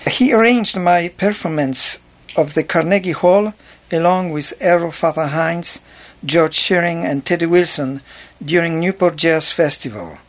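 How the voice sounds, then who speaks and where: An older man from Poland with a Polish accent, a jazz pianist telling his life story in a slow, careful, measured way. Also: a little high. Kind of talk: spoken memoir track.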